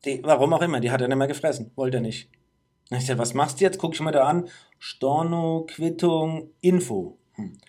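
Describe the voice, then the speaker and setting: A man's voice: fairly high pitch, moderate pace, mellow. A man telling a story in casual chat, acting out the dialogue and laughing often.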